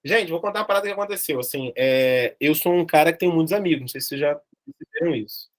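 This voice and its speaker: A man's voice: on the high side, expressive, quick pace. A man from Brazil, teaching history in a jokey, slangy, dramatic storytelling manner. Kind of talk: lively class storytelling.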